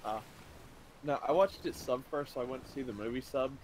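A young man chatting casually with a friend over a game, relaxed and swearing freely. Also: mid-range voice, brisk, slight background noise, low-quality recording. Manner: laid-back, swears freely. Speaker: co-player, friend. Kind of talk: casual chat while gaming.

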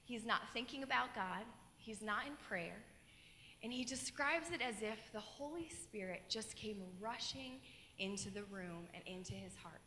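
A woman's voice: medium pitch, moderate pace, a little hiss or hum. Earnest young woman telling her story on stage. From Colorado. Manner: earnest storytelling, animated gestures. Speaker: keynote speaker. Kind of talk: personal testimony talk. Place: large dark stage in an auditorium. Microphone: handheld mic. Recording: long hall reverb.

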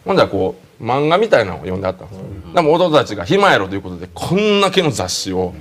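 A man's voice: mid-range voice, rapid-fire. A man with a Kansai accent telling a comic story on a talk show. He keeps laughing as he talks and acts out the scenes. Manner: animated, laughing through his own anecdote.

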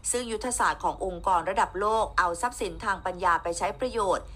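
A woman reads a scripted news report as voice-over, her tone bright and clear. She explains things in a steady, even read and ends her sentences with polite particles. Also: mid-range voice, quick pace.

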